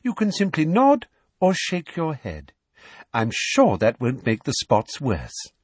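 A man's voice: fairly high pitch, huge pitch swings, slow pace, no echo, voice pushed up, exaggerated voice. A man voicing a cruel middle-aged woman official who talks in a falsely sweet, coaxing way. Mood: sugary coaxing.

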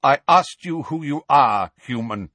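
A man voicing a rough, stern, proud male centaur leader. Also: medium pitch, lively intonation, a little slow, bright, forceful tone, no room sound, voice pushed up, exaggerated voice.

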